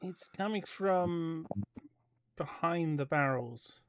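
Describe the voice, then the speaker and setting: A man's voice: a little high, slow pace, clear, resonant tone, no echo. A man working as game master, casually narrating a tabletop game.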